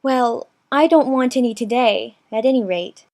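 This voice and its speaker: Man voicing a very high, prim little girl. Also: moderate pace, darkish tone. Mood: puzzled, firm. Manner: prim, well-mannered. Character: polite, earnest little girl, sensible and puzzled.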